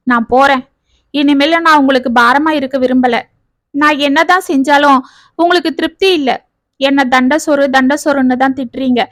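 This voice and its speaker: A hurt and resentful housewife pours out her grievances in a pleading tone, as a woman reads her part in a storybook. The voice is high and the recording is dry. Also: a bit bright, dry recording. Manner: aggrieved, pleading, listing complaints. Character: hurt, resentful housewife writing a farewell letter. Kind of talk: storybook reading.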